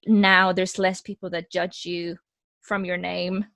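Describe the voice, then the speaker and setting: A young Mexican actress, appearing as a guest, speaks in a lowish voice at a slow pace during a casual interview over a video call. She's candid and animated, frequently restarting her sentences, and the sound is clean studio audio with no echo.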